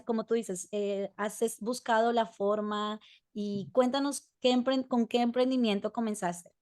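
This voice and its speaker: A woman's voice: on the high side, a little mellow. A woman hosting a casual interview, asking questions and reacting eagerly to her guest. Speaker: podcast host.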